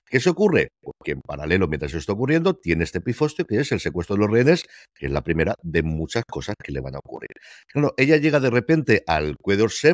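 A man co-hosting a podcast, chatting casually about new TV series in an animated, explanatory way. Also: fairly low pitch, dry recording, studio quality. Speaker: podcast co-host.

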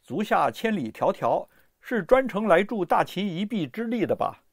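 A brash, proud male strategist from an old historical tale, gruff and blustering, as a storyteller puts him on. His voice rises high and swings widely, in a dry, close recording. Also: sing-song, normal speed, dry recording, heavily acted. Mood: sly.

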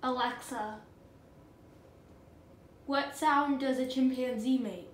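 Slow, high-voiced woman giving voice commands. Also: fairly even intonation. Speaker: pet owner questioning a smart speaker. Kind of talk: casual home video, giving voice commands. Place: carpeted room in a home. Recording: roomy echo, faint background noise.

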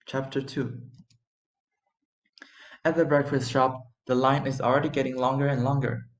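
A teenage boy reads a story aloud in a voice of ordinary pitch. He reads plainly, school-project style. He stumbles now and then and corrects himself. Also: flat delivery, moderate pace. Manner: plain reading with occasional stumbles. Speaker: student reader.

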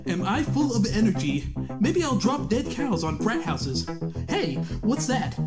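A man voices a sardonic, skinny young cartoonist who narrates his own dreary nights with theatrical mock-grandeur in a heavily acted performance. His mid-pitched voice leaps up and down expressively as music plays behind him.

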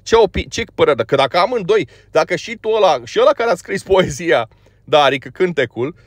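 A man's voice: high-pitched, expressive, no echo. A man from Romania giving a blunt, scolding opinion monologue about a band, full of filler words. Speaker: music commentator.

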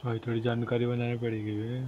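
A man's voice: medium pitch, completely flat delivery, fairly quick, highs cut off, a little hiss or hum. A man streaming a game role-play, chatting in a laid-back, slangy way with his crew.

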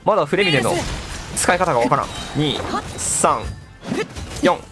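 A man doing excitable live gameplay commentary as a streamer. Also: on the high side, moderate pace. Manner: excitable, exclaiming, echoes game lines. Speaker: gaming streamer. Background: game music and sound effects.

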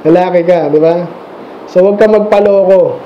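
A man's voice: high-pitched, moderate pace, slight background noise. A man preaching an informal Sunday evening sermon as pastor, talking conversationally and quizzing the children in his congregation. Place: small church mission hall. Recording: echoey, dull lo-fi room recording.

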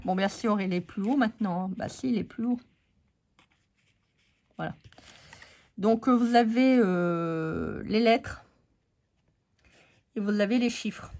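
French woman losing her voice, chatty. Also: mid-range voice. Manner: chatty, many fillers, talks to viewers. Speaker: craft channel host. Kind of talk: casual craft haul chat.

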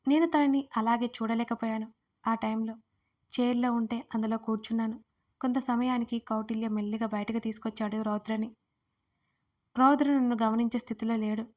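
High, even-toned female storyteller. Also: brisk. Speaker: storyteller and writer. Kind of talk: first-person romance audiobook narration.

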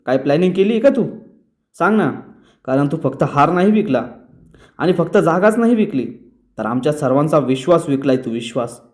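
Angry young man, accusing, lecturing, raised high voice, voiced by a man. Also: animated, a little fast, darkish tone, close to an everyday voice. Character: angry young man confronting his brother.

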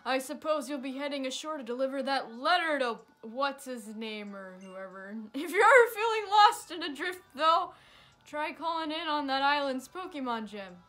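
Old salt captain for a game, high and hearty, belting his lines as played by a woman. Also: animated, moderate pace, a bit bright. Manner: hearty, booming sailor talk. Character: gruff old male sea captain.

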